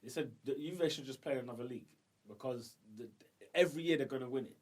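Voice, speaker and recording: A man's voice: medium pitch, fast, a little mellow. A man with a London accent hosting a casual football chat in slangy, conversational speech. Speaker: podcast host.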